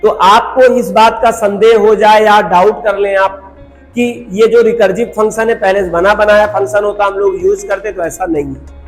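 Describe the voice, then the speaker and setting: A man's voice: high-pitched, fairly even intonation, normal speed, in a large hall, soft background music, rough recording. A man teaching a recorded programming lecture, repeating points and asking rhetorical questions while he mixes English terms into his talk.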